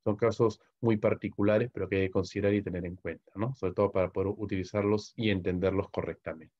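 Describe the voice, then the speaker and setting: A man's voice: low-pitched, steady tone, fast talker. A man from Peru with a Peruvian Spanish accent, teaching English grammar in a recorded online lecture and stopping often to ask "¿ok?". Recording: muffled lo-fi audio.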